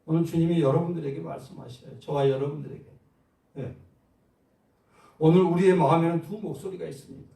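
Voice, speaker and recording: A male pastor preaching a sermon, asking the congregation questions and answering them, moving between loud exhortation and soft low asides. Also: steady tone, a little fast, gravelly, pauses often. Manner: call-and-response preaching, asks the congregation questions. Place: large church sanctuary. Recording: roomy echo, far from the mic.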